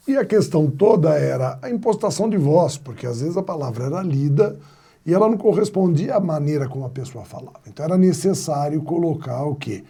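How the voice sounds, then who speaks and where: A man's voice: on the high side, creaky, warm tone, husky. A man teaching a grammar video lesson, explaining step by step and posing rhetorical questions to his students. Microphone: wired mic.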